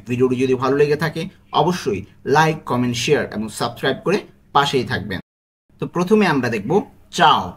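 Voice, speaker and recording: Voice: mid-range voice, breathy edge. A language teacher running a vocabulary quiz, repeating each word and answer and checking in with listeners. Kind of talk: quiz-style language lesson.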